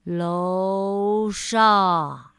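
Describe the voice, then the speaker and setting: A woman drawling as sleepy, sluggish Mr. Slow. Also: medium pitch, a bit bright, clean tone, no echo, studio quality, pitched below the performer's own voice. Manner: drawn-out, dragging delivery. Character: slow, sleepy, sluggish grown man who hates hurrying. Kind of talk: children's storybook reading.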